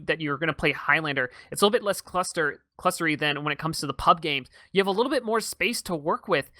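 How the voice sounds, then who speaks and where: A male esports caster hosts a live match stream, talking in a chatty, enthusiastic flow and passing the mic to his co-casters. His voice is bright and a touch high, recorded close and dry with no room sound. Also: dry recording. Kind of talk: live game commentary.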